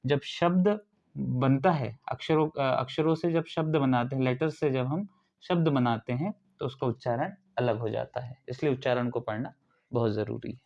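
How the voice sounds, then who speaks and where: Man, instructor from India, classroom lecture, mid pitch, rhetorical questions, muffled lo-fi recording. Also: moderate pace, vocal fry, darkish tone. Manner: explains step by step, asks rhetorical questions. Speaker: ITI instructor.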